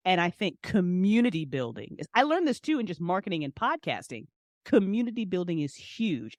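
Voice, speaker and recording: Speaking in a low, a little mellow voice on a dry recording, a woman guests on a podcast as an independent entrepreneur. Her conversation is informal and passionate, and she keeps coming back to key phrases to stress them.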